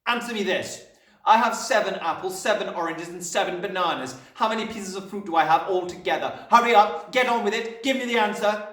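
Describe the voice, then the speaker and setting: A man's voice: high voice, lively intonation, measured pace, fairly bright tone, roomy sound, pitched above the performer's own voice. A man voicing a huge, bullying, furious headmistress who bellows insults with theatrical scorn in a storybook reading.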